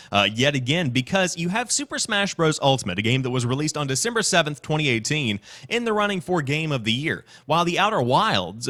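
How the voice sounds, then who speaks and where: Presenting a gaming news show, a man with a fairly high voice blends scripted reading with his own commentary, delivered in an energetic, polished style.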